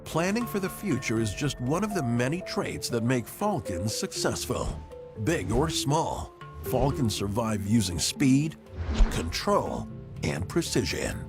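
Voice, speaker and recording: A man reading scripted nature documentary narration with measured, dramatic phrasing. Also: medium pitch, very animated. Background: background music.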